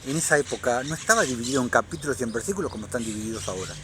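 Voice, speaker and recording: Fervent preacher over background noise. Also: male voice, mid-range voice, animated, racing. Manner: fervent, rising to loud emphatic declarations. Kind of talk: Bible reading and sermon commentary.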